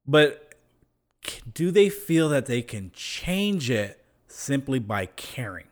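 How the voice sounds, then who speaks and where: A man's voice: mid-range voice, very animated, takes it slowly. Man making his case with examples. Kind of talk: casual discussion.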